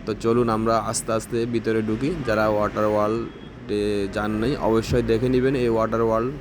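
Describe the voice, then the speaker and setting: A man, narrating a travel vlog in a plain, steady guiding tone as he walks through an amusement park. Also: lowish voice, fast talker, noisy background. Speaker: travel vlogger. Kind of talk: walking tour narration.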